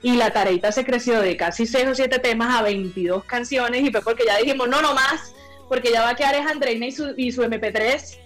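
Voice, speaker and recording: A woman's voice: a little high, fairly quick, hardly any pauses, faint music behind. A woman with a coastal Colombian accent from Barranquilla, chatting effusively and colloquially as a singer being interviewed. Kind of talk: casual interview chat.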